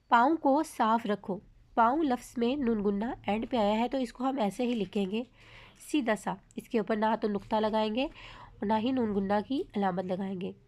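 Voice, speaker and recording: A woman with a Pakistani Urdu accent teaching a grammar lesson, explaining patiently and drawing out each example word slowly. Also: fairly high pitch, warm tone. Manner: explains slowly, reads example words drawn out.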